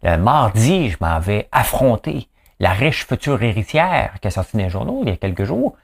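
Brief: Quebec French male vlogger, low voice with a lively pitch, rambling and jokey. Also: moderate pace, creaky. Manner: rambling, joking, self-mocking. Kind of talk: casual solo commentary to camera. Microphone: camera mic.

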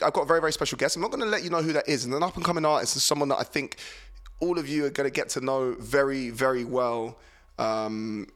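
A man's voice: medium pitch, a bit bright. A male DJ and podcast host chatting casually between tracks in a studio, rambling a little and reading out listener comments. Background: music.

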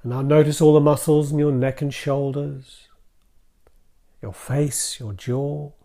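Mellow-voiced man leading a calm grounding exercise. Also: fairly high pitch. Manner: gentle, soothing, with deliberate pauses. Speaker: mindfulness practice guide.

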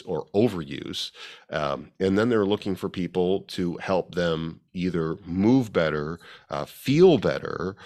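A man co-hosting a casual podcast chat as a fitness coach, rambling with many restarts and fillers. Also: low-pitched.

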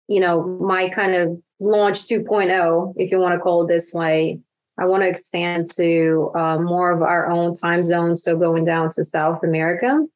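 A woman's voice: fairly low pitch, little pitch movement, measured pace. A woman being interviewed on a podcast, chatting with lots of fillers and restarts. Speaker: guest, virtual assistant business owner.

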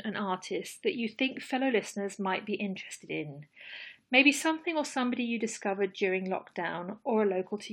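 A woman hosting a solo podcast, speaking in a measured, thoughtful and earnest way. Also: mid-range voice, a bit bright. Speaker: podcast host. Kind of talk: scripted solo podcast talk.

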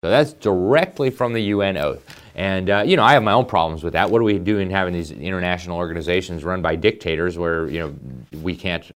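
The host of a political commentary show, a man whose first language is English, speaks in a low voice at a slightly fast clip. He comes across as emphatic and chatty, using fillers and asides.

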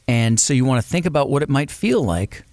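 A man co-hosting a music podcast in casual chat, talking fast and jokingly and often cutting in. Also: mid-range voice, dry recording. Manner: animated, quick, jokey, talks over his co-host. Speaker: podcast co-host.

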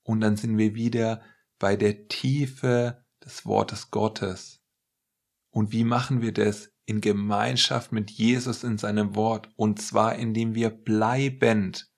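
A man preaching a sermon in an earnest, measured way, stressing words slowly. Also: fairly low pitch, fairly even intonation, gravelly.

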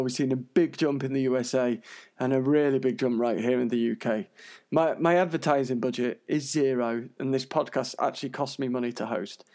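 A British man presents a podcast in an informal, earnest way. His voice is mid-pitched and full of creak, and he sounds unwell, with wheezy breathing running through his chatty monologue. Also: dark tone. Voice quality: wheezy, audibly breathy from illness. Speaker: podcast host.

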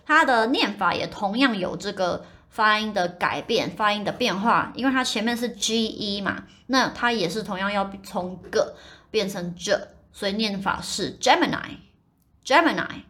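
A woman hosting a podcast lesson, explaining pronunciation step by step and saying example English words slowly and carefully. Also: mid-range voice, animated, fairly bright tone.

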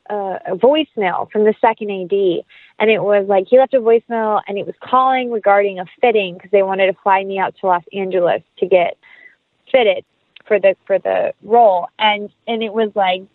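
An actress and writer, appearing as an interview guest, chats casually and effusively about her creative work. Her voice sits at medium pitch with no room sound, though the recording has a thin, phone-like quality.

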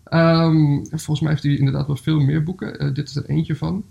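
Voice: medium pitch, flat delivery, brisk, creaky, dark tone, highs cut off. A young adult chatting hesitantly and then reading a children's story aloud. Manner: hesitant, many fillers.

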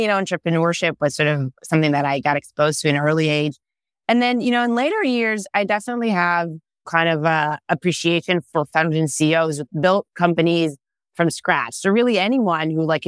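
Answering interview questions as a guest, this startup founder and CEO, an Israeli-born and raised woman in her thirties, is thoughtful and peppers her speech with "you know." Her voice sits low with a clean tone, captured in studio quality without echo.

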